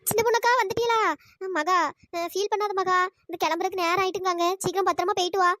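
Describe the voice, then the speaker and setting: A woman voicing a caring young sister in a cartoon story, who reassures and gently scolds. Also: extremely high pitch, steady tone, fast talker, no room sound, studio quality. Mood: soothing.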